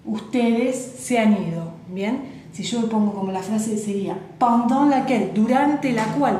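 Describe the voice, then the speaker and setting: A woman teaches French grammar, walking through each point and repeating example sentences slowly. Her voice is mellow and dark-toned, and her delivery is unhurried. The recording sounds roomy and echoey, with a faint hiss behind her. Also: medium pitch. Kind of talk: Spanish-language French grammar lesson.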